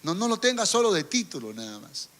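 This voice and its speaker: A man's voice: high-pitched, very animated, fairly quick, a bit bright. A pastor preaching a sermon, often turning to the congregation with rhetorical questions and stories from his own ministry.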